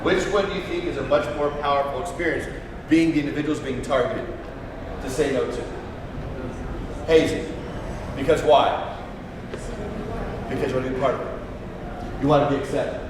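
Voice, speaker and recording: A man leading an interactive session with students, lively and asking the audience questions. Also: medium pitch, moderate pace, long pauses. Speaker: workshop leader. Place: large event hall. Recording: echoey hall from far off, noisy.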